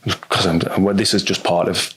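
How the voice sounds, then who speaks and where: A man's voice: low-pitched, little pitch movement, fairly quick, a bit bright, a little hiss or hum. A man with a North East English accent telling a personal story on a podcast in a frank, rambling way, full of restarts and fillers. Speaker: podcast guest.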